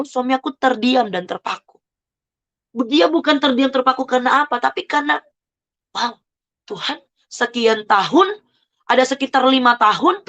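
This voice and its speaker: A woman's voice: sits high, fairly bright tone. A woman telling her conversion story as an emotional church testimony, fervent and exclaiming with frequent praise words.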